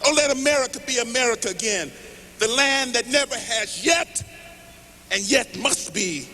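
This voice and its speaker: A man reciting poetry as an impassioned rally speech, declaiming in measured phrases. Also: very high-pitched, lively intonation, bright, forceful tone. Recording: noisy large hall with long reverb.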